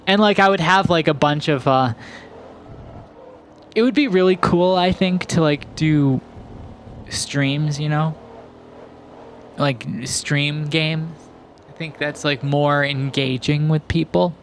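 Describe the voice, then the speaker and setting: Slow, rambling young man chatting. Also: a little high, a little hiss or hum. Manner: rambling, many fillers and restarts. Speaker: gaming commentator. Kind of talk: casual chill commentary over gameplay. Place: home, recorded in post.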